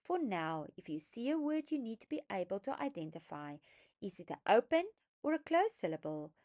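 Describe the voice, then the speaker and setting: A woman explaining a phonics lesson, speaking deliberately and stressing each sound as she sounds out words for young learners. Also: medium pitch, sing-song, darkish tone. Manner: slow, deliberate, emphatic teaching voice, sounding out words. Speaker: phonics teacher trainer. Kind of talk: instructional lesson narration.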